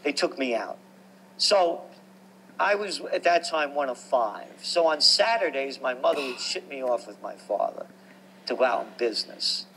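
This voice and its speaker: A man's voice: medium pitch, moderate pace, slight background noise, poor audio. New man in his sixties reminiscing. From New York. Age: 60s. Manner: animated, reminiscing, emphatic. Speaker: guest. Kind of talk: conversational storytelling.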